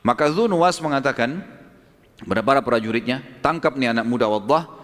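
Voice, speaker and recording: A man preaching a sermon, telling a story and acting out the quoted speech of its characters with lively shifts in his voice. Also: mid-range voice, a little fast. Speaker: Islamic preacher. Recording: long hall reverb.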